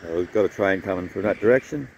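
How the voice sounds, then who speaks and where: Deep-voiced man filming trains. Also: fast talker, highs cut off, noisy background. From Australia. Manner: laid-back, chatty, sings a snatch of song. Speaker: train-spotting vlogger. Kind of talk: casual outdoor commentary. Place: outdoors by railway tracks in rain and wind.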